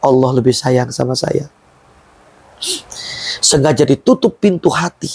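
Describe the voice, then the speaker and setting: A man's voice: medium pitch, a little slow, vocal fry, a little mellow, slightly rough. A middle-aged man founding a Quran museum and boarding school, telling his story in an emphatic, emotional way during an interview.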